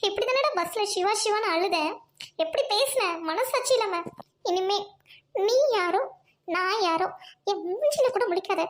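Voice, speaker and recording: A woman voicing a hurt, angry young college woman who speaks in a sharp, scornful way, in an audio drama. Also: extremely high pitch, expressive, unhurried, long pauses.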